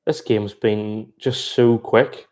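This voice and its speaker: A man giving chatty, excitable live reaction commentary on a rugby match, breaking into exclamations. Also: lowish voice, takes it slowly. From Ireland. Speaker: sports reaction streamer.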